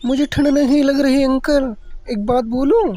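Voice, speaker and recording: A woman's voice: high-pitched, fairly even intonation, normal speed, mellow, a little hiss or hum, natural voice. A woman voicing Kavita, a young girl sparrow, in a cartoon. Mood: eager.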